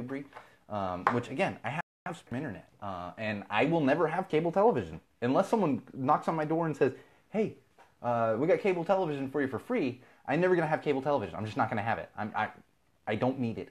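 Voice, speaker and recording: Exasperated man ranting, lively pitch. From Southern California. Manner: exasperated, animated, swears freely. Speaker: podcast host. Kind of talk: casual ranting monologue on a live feed.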